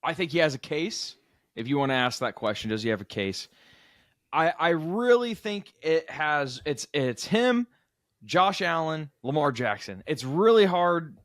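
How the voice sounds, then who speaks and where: A young man chatting on a sports podcast with a slightly high, bright-sounding voice. He is animated and laughs a lot, cutting himself off mid-thought. The close mic sounds dry, with no room echo. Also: measured pace. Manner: animated, laughs often, self-interrupting. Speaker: podcast co-host. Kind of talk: casual sports podcast banter.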